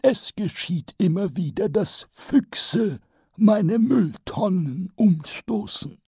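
A man voicing an old, pompous male wizard who lectures slowly and cheerfully in a very high, drawn-out voice. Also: expressive, vocal fry, dark tone, husky, no echo, clean studio sound, heavily acted. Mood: lecturing.

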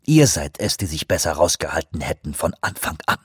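Guy doing a big growly contemptuous brute, husky, dead dry sound. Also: a bass voice, very animated, a little fast, a bit bright, dry recording, voice pushed down, full character voice. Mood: scornful. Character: huge gruff man, menacing, contemptuous.

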